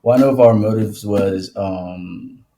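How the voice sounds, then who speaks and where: On a podcast, a young worship singer from Ethiopia chats loosely in a casual interview, laughing often and restarting his sentences. His voice is lowish and slow, and there's a little hiss or hum in the recording.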